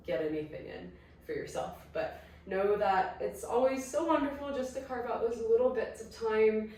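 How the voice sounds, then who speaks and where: A woman with a croaky voice from illness leads a chatty, encouraging guided exercise class at home. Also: medium pitch, darkish tone, slight background noise. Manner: chatty, encouraging, self-correcting. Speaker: pilates instructor. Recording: very echoey room, distant mic, faint ambience.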